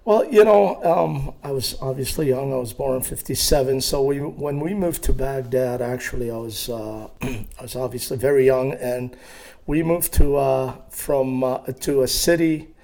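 A man in his sixties from Iraq, telling his life story in an interview with a hesitant, halting manner and many fillers. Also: mid-range voice, creaky, mellow. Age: 60s. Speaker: guest.

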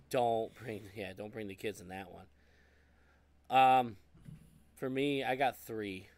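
Man in his 30s, podcast co-host, animated and foul-mouthed, dry close sound. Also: mid-range voice, takes it slowly, no echo. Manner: animated, profane, acts out quotes. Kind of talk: casual movie chat.

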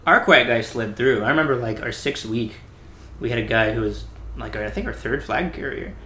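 A man chatting casually and telling stories with lively energy, filling his sentences with "like". His voice sits at an ordinary middle pitch. The room is echoey, with a faint hiss underneath. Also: brisk. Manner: animated storyteller who often says "like". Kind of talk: casual chat.

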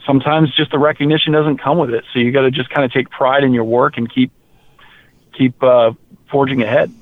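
A man from rural Maine, a heavy metal musician, talking casually in an interview, animated and quick to repeat words. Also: mid-range voice. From rural Maine, USA. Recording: tinny phone-like line.

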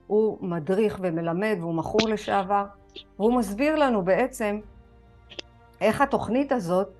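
A woman with an Israeli accent leading an online recovery group, telling a personal story with feeling and acting out her own prayers and conversations. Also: medium pitch. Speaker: spiritual recovery group facilitator. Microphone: video call.

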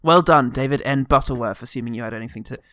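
A man's voice: mid-range voice, quick pace, fairly bright tone, dry recording, studio quality. A British man hosting a comedy film podcast, reading reviews and bantering in a wry, jokey way, pronouncing th as f. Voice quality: th-fronting, says th as f.

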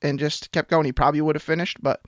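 A man's voice: on the high side, fairly even intonation, quick pace, no room sound, studio quality. A man co-hosting a sports podcast in casual chat, easygoing with hesitant restarts. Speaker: podcast co-host.

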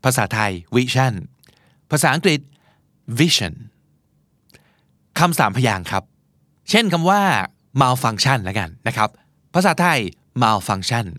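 A male podcast host teaching pronunciation, repeating words slowly and tapping out their rhythm. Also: mid-range voice, very animated, a bit bright, dry recording, studio quality. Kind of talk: pronunciation lesson.

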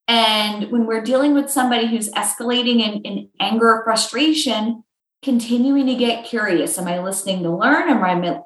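A woman's voice: on the high side, fairly bright tone. Earnest coaching woman, roomy sound. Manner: earnest, coaching, models example phrases. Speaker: guest speaker on emotional intelligence. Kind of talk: podcast interview answers.

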